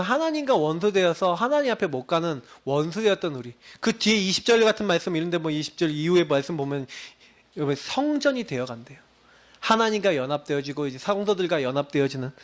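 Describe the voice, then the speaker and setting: Guy preaching a sermon, high voice that swings all over, acts out little prayers. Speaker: pastor.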